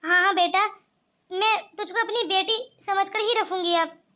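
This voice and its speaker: Older bossy mother-in-law, cartoon, a woman voicing her, very high bright voice. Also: steady tone, normal speed. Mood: warm. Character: older mother-in-law, sharp-tongued turned kind. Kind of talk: cartoon voice acting.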